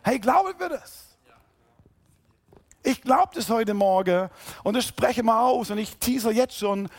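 A man preaching a sermon, emphatic, rising to loud calls and then dropping low and quiet. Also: expressive, a little slow. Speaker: pastor.

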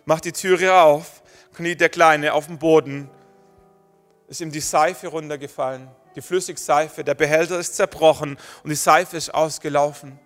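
A man's voice: fairly high pitch, fairly even intonation, normal speed, a bit bright. A man preaching a sermon to his congregation, emphatic and building in short repeated phrases. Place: church hall. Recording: long church-hall reverb, faint music.

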